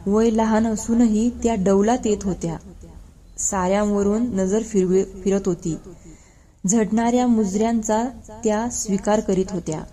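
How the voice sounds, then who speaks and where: A woman reading a historical novel aloud in a measured storytelling manner. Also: mid-range voice, fairly even intonation, dark tone. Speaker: reader.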